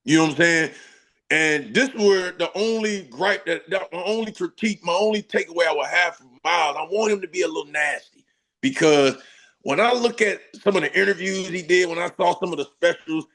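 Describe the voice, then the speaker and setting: A man's voice: high-pitched, fairly quick, fairly bright tone. A man guesting on a sports talk show, a former football player speaking in emphatic, slangy casual chat with laughing asides.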